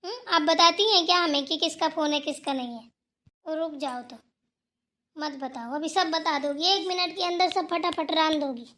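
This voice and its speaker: A woman's voice: high-pitched, normal speed, fairly bright tone. A woman voicing a defiant young village daughter-in-law in a cartoon who talks back sassily. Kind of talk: cartoon voice acting.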